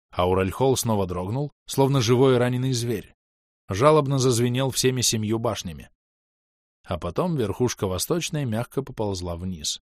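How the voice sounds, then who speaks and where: A man's voice: mid-range voice, no room sound, studio quality. A man narrating a first-person fantasy audiobook in a tense, dramatic way.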